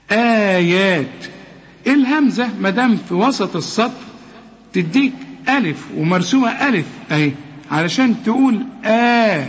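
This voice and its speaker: A man with an Egyptian accent teaching Quran recitation rules, asking and answering his own questions and drawing words out slowly to demonstrate. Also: high voice. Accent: Egyptian Arabic. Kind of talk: tajweed lesson. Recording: reverberant, dull lo-fi recording.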